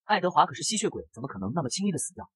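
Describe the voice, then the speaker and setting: A man reading as a feisty young maid girl from a comic, sassy and scolding, husky breathy tone, very quick. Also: on the high side, very animated, no echo, heavily acted. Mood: alarmed.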